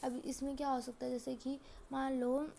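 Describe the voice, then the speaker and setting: A woman teaching a lesson, asking and answering her own questions and reading examples slowly. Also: sits high, level tone, creaky, dark tone, a little hiss or hum. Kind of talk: classroom lesson.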